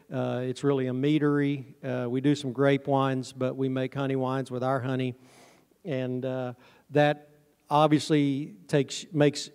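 In a casual, folksy talk that gently mocks himself, a middle-aged honey farm owner addresses a conference audience in a darkish, mid-range voice. The large indoor auditorium stage, handheld PA mic and audience-camera recording leave noticeable hall reverb from the sound system.

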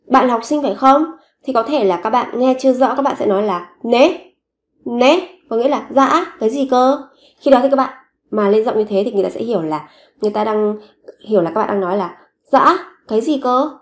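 Woman teaching phrases with slow, clear repetition. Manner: repeats each phrase slowly, rising pitch on example phrases. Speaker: Korean language teacher. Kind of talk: language lesson, explaining and repeating phrases.

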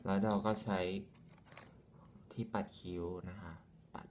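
Male makeup vlogger with a lowish voice, chatty and rambling with fillers, polite feminine particles, phone-recorded tutorial. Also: steady tone, a little slow, slight background noise. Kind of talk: casual makeup tutorial chat. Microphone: phone camera.

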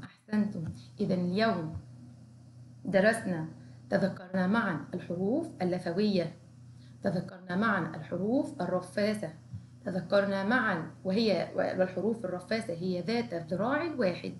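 A woman teaching young children to write, praising often and slowly sounding out syllables and letter marks. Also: medium pitch, roomy sound, slight background noise. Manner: encouraging, slow, sounds out syllables. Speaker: kindergarten teacher. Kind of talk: recorded Arabic writing lesson for young children.

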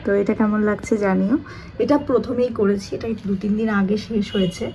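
A hoarse woman with a sore throat from West Bengal, India, chatting casually in a home vlog and speaking softly to spare her voice. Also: mid-range voice, fairly even intonation, a little fast, faint music behind. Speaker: vlogger.

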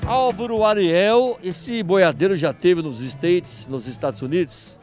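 A middle-aged Brazilian man with a high voice reports live from a rodeo festival, moving among booths and outdoor stalls with a handheld microphone. He sounds like a hyped, emphatic announcer doing event coverage and interviews, speaking unhurriedly over loud music.

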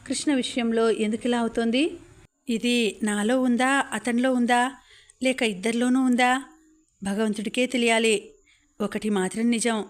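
A woman narrating a first-person novel as an audiobook, in a steady, even reading. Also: a little high.

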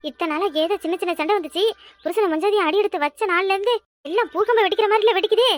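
A woman's voice: extremely high pitch, fast. A woman with a southern Tamil accent from Kanyakumari voicing a fretful young village wife in a cartoon. She complains and laments, often exclaiming to herself. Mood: lamenting. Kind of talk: cartoon voice acting.

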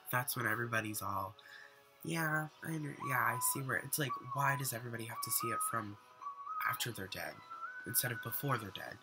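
The audio is poor as this teenage boy vlogs from his bedroom desk webcam, rambling earnestly with many fillers and restarts. His medium-pitched voice is a little off because he's still recovering from being sick.

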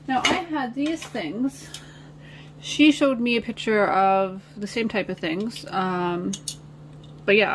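A woman of medium pitch casually vlogs while arranging her home nail studio from a seat on the floor. She rambles in a chatty way, talking to viewers as "guys," with a bit of background noise.

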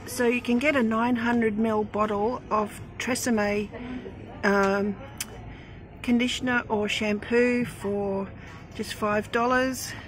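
A middle-aged Australian woman chats through her fortnightly grocery haul on a handheld phone. She takes her time, with a slightly raised pitch, and fills her lists with ums and uhs. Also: steady tone, takes it slowly. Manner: chatty and thrifty, listing items with frequent ums. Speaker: vlogger. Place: discount shop aisle, then at home over groceries.

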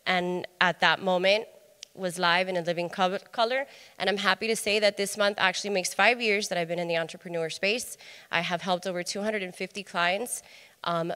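A woman speaker telling a personal story on a conference stage, lively and acting out the dialogue. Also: fairly low pitch, clear, resonant tone. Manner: animated storyteller, acts out dialogue. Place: large hotel conference hall. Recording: echoey conference hall.

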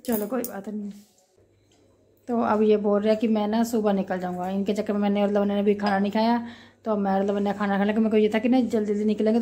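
A mother vlogging at home while unwell, her voice a bit hoarse from a cough, chatting on and rambling. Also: mid-range voice, mellow. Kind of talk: casual home vlog. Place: home kitchen. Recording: echoey room.

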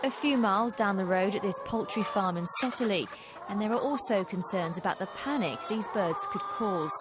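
A woman narrating a scripted news report as a reporter with an even, measured delivery. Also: mid-range voice, very noisy.

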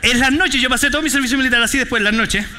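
A Chilean pastor preaching a sermon in church, telling stories with jokes and street slang. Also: male voice, very high-pitched, racing, heavy background noise. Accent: Chilean Spanish. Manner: animated, joking storytelling with street slang.

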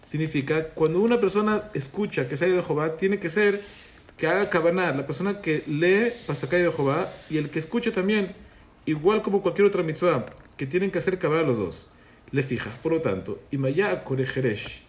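A rabbi teaches a halakha class, explaining patiently and quizzing his students with questions during the Torah lesson. His voice is a little high, with lively intonation and a fairly quick pace.

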